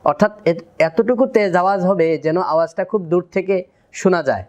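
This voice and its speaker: A Quran recitation teacher, a man with a Bangladeshi Bengali accent, lays out each step methodically and then drills the syllables aloud. His voice is high for a man and comes through smooth and resonant. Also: a little fast, a little mellow, muffled recording. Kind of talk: pronunciation lesson.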